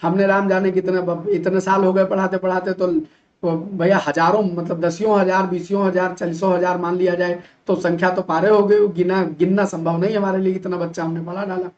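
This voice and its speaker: A male teacher from Uttar Pradesh giving an animated classroom lecture, full of rhetorical questions and mock imitations of students. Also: sits high, a little fast, dull audio. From Uttar Pradesh, India.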